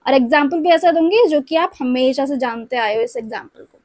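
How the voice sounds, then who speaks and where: Woman teacher, high voice, dry close sound, patient step-by-step explaining, checks understanding. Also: a little fast, a little mellow, dry recording. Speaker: language teacher. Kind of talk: recorded language lesson.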